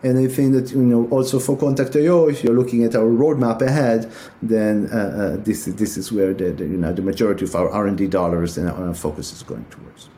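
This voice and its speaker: A middle-aged man from Israel speaks in a mellow, warm tone. He talks casually as a guest, stopping often with fillers and restarts. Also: lowish voice, brisk, slight background noise. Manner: many hesitations and filler sounds. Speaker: guest, tech company executive. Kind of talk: casual interview talk.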